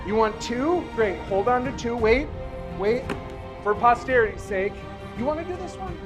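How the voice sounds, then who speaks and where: A man's voice: very high-pitched, animated, normal speed, over loud music. A man performing as a magician at a live show, joking and encouraging a volunteer with chuckling banter. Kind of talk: live stage patter with a volunteer. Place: live show in front of an audience.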